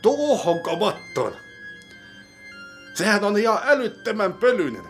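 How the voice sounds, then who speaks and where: A man plays a nervous, complaining fellow in a comedy sketch, his voice pushed up high and swinging up and down. He frets aloud and fires off anxious questions. Faint music runs underneath. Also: big pitch swings. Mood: whiny. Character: fretful, whiny, easily worried man. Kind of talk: comedy sketch role-play.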